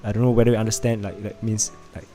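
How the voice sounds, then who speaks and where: Over soft background music, a livestream host from Vietnam with a Singaporean English accent chats casually with viewers. His lowish voice is warm, fast and flat, broken up by frequent laughter, "uh" fillers and restarts.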